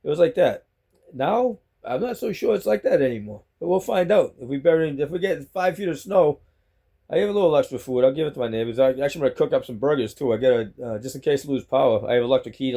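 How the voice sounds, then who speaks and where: At home with his phone on a selfie stick, a middle-aged Boston-accented vlogger chats to the camera in a rambling, repetitive way. His voice is medium in pitch and mellow.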